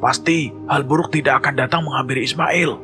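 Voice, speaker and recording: A man's voice: mid-range voice, fairly even intonation, a little fast, pitched above the performer's own voice, close to an everyday voice. A man voicing an agitated young male hiker who blames his friends, with music behind. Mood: reproachful. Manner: blaming, agitated.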